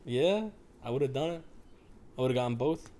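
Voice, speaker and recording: A man's voice: medium pitch, lively intonation, a little fast, warm tone. A young American man talking casually among friends. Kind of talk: casual chat.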